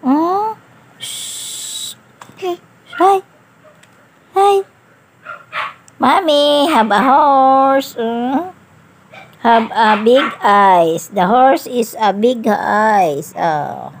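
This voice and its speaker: A woman talks to a little child as she babysits, in soft, coaxing baby talk with a lot of hushing. Her voice sits a little high and she speaks very slowly, pulling out each phrase, with a faint hiss of noise behind her. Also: animated. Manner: mixes English words into her talk. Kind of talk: vlog, talking to a toddler.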